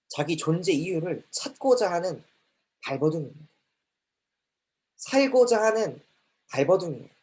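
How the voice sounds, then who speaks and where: A man's voice: on the high side, a little mellow. A man preaching a sermon to a children's ministry, emphatic, with repeated phrases that rise and fall.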